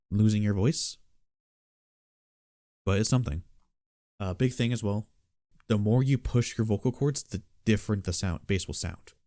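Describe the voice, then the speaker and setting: A man with a lowish, gravelly voice talks through a casual beatbox tutorial. His delivery is relaxed and matter-of-fact, like someone explaining a technique to friends. The sound is close and dry. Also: no echo.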